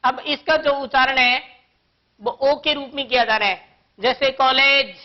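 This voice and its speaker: A woman teaching a grammar lesson to young children, explaining patiently and slowly with one example after another. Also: high-pitched, highs cut off.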